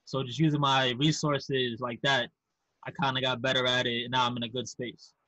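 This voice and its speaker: A man's voice: mid-range voice, level tone, normal speed, bright, forceful tone, no echo, poor audio. A man from Queens, New York with a Queens accent, talking candidly and casually as a podcast guest. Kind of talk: casual conversational interview.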